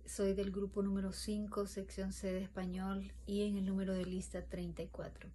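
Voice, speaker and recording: A woman's voice: mid-range voice, monotone, moderate pace, mellow, slight background noise. A woman giving a class presentation on spelling rules, explaining with fillers and restarts. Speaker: student presenter.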